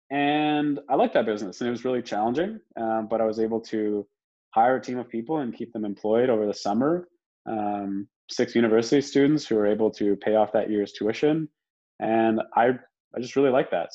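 A young man from Romania guests on a podcast, telling his life story in a relaxed, rambling way. His voice sits fairly low, he leans on fillers and throws in a curse now and then, and the recording comes through muffled and lo-fi. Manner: relaxed, frequent fillers, occasional swearing. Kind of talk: casual conversational storytelling. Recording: dull lo-fi sound.

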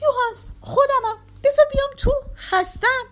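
A woman narrator voicing a frail woman just risen from her coffin, begging in a high strained voice to be let into her home. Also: expressive. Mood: pleading. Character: frail woman back from the grave, pleading.

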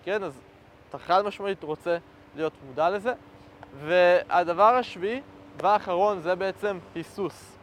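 A man with a notably high voice coaches viewers as he looks straight into the camera. His delivery is direct and instructive, and he often breaks off to check that the listener is following. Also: a little hiss or hum. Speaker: dating coach. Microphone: facing the camera.

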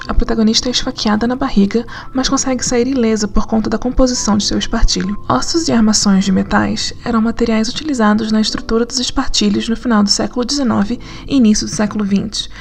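Woman narrating with a gravelly voice. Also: fairly high pitch. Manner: conversational, analytical, with lively asides. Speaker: narrator and writer. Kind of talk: scripted essay narration.

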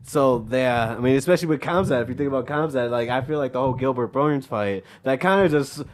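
Rambling man with a mid-pitched voice. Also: quick pace, a little hiss or hum. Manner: rambling, trailing half-finished thoughts. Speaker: interview guest, comedian. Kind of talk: casual chat.

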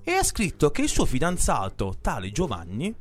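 A man's voice: a little high, normal speed. Joking radio guy, bouncy voice, music under him. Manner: playful, joking, lively. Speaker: radio host. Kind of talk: casual chat.

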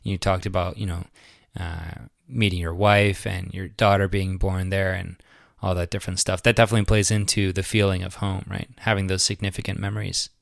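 A man's voice: low voice, little pitch movement, fairly quick, creaky, no echo, clean studio sound. A man hosting a podcast, chatting casually with a guest in a rambling, enthusiastic way and laughing often. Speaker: podcast host. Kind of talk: casual conversational interview.

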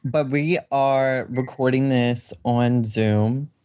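A man's voice: mid-range voice, steady tone, takes it slowly, darkish tone, clean tone, dry recording, clean studio sound. A man co-hosting a casual podcast over a video call, speaking in an informal, opinionated way. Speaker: podcast co-host.

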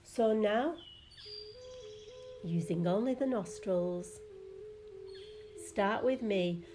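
A woman leads a guided relaxation and breathing exercise. She speaks softly and calmly at a very slow pace, with a mid-range pitch. Music plays clearly behind her voice.

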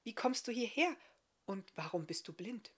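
A woman's voice: fairly high pitch, moderate pace, husky, pitched above the performer's own voice. A woman doing an eager young boy. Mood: excited. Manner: eager, excited.

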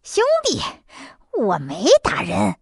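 A woman's voice: fairly low pitch, wildly swooping pitch, slow, creaky, a little mellow, husky, no echo, clean studio sound, voice pushed down, heavily acted. A woman voicing a cocky, teasing monkey king in a children's storybook audio, with brash talk. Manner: brash, teasing, calls himself 俺老孙.

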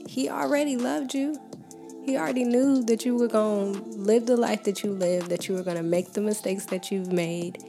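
A woman's voice: mid-range voice, steady tone, normal speed, few pauses. A young woman giving a casual, heartfelt faith talk, speaking informally and often saying "like" and "you know.". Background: background music.

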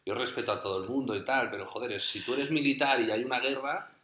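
A man's voice: medium pitch, fast, bright, forceful tone, echoey room. A man from Catalonia co-hosting a podcast, chatting casually in a blunt, opinionated way and swearing freely. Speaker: podcast co-host. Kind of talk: casual chat.

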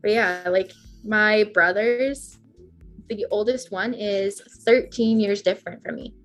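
Soft background music plays as a woman in her twenties rambles casually on a podcast, saying "like" again and again. Her voice is mid-range and a little slow.

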